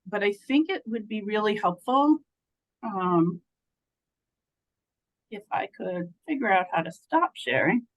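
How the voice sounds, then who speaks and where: A woman's voice: mid-range voice, rough recording. A woman presenting a state program on a video call, conversational and enthusiastic with many fillers.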